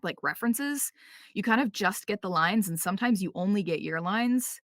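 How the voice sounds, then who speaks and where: A woman's voice: medium pitch, normal speed, no echo, clean studio sound. A woman voice actress chatting in a casual podcast interview, full of fillers like "like" and "um.". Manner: chatty, filler-heavy, acts out quotes. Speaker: voice actress guest.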